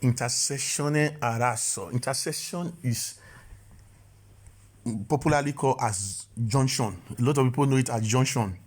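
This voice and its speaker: A driving instructor, male, delivers an explanatory voice-over lesson on driving rules in a mid-range voice at a moderate pace. He keeps restarting his sentences, stammering each time, and tends to repeat and correct himself.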